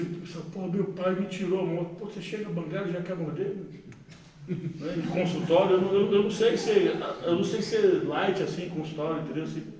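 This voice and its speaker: A Brazilian psychologist giving an informal recovery testimony talk, colloquial and animated, acting out dialogue. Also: male voice, high-pitched. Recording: echoey room, far from mic.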